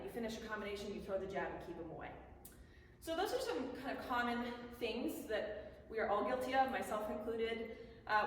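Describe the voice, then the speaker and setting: Woman coaching in a very echoey hall. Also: a little high. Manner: casual, conversational explaining. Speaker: boxing coach. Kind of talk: instructional talk on bag drills. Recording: echoey hall, distant mic, faint noise.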